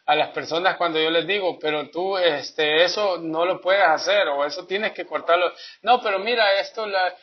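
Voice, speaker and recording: Casting: high-pitched man, folksy catechism teacher, dull lo-fi recording. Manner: folksy, repetitive, with frequent "¿verdad?" asides. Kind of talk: catechism class talk. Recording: dull lo-fi sound.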